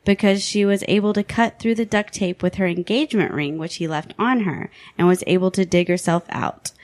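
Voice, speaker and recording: A woman's voice: on the low side, brisk, dry recording. Woman co-host reading a creepy countdown. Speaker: podcast co-host. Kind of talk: reading a countdown list aloud.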